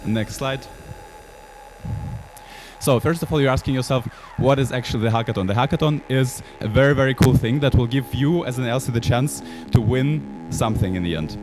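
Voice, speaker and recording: A man's voice: mid-range voice, brisk, soft background music. Upbeat man. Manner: energetic and upbeat. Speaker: event host. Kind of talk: online event presentation. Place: at home on a couch.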